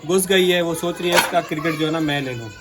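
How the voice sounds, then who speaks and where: A middle-aged man with a hoarse voice, chatting as he hosts a family cooking vlog at home. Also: on the high side, fast talker, over music, rough recording. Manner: warm greetings, chatty and teasing. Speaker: vlog host. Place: home kitchen.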